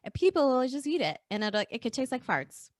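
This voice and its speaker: A woman's voice: sits high, sing-song, fairly quick, no room sound. Blunt, laughing woman podcast co-host. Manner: blunt, crude jokes, laughs a lot. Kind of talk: casual chat.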